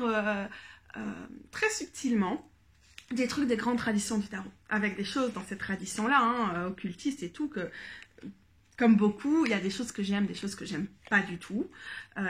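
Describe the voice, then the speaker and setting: Rambling woman with a high voice. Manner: rambling, thinking aloud with many fillers and restarts. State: low in energy, unwell. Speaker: tarot vlogger. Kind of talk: casual vlog talk.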